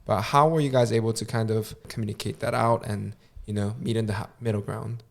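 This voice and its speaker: Gravelly low-voiced man co-hosting a podcast. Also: steady tone, brisk. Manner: easygoing, hesitant, many fillers. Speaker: podcast co-host. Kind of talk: casual chat.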